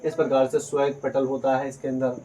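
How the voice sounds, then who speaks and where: A man's voice: mid-range voice, little pitch movement, fairly quick, mellow, a little hiss or hum, rough recording. A man teaching a biology lesson at a board, explaining step by step and asking questions he then answers himself. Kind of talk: whiteboard lesson.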